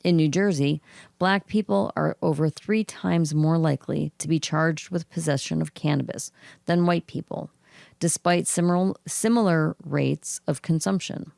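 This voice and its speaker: Cannabis news is read casually by a woman podcast co-host whose low voice is froggy and gravelly. Unhurried and even-paced, she clears her throat occasionally, and the sound is dry and studio quality.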